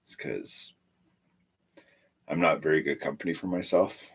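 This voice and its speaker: A man's voice: very deep voice, unhurried, husky. A man with a stuffy nose chatting casually on a live stream, rambling and repeating his words.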